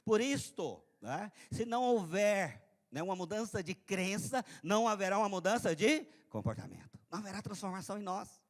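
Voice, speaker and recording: A man preaching a church sermon. He swings from quiet to loud and often repeats his phrases. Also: sits high, big pitch swings, normal speed. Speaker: pastor. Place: church service.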